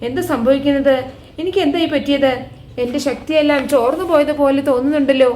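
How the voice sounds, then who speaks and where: A woman voicing the spirit of a young mother who pleads and refuses to leave, in a rapid, high voice. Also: fairly even intonation, a little mellow, slight background noise, close to an everyday voice. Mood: bewildered.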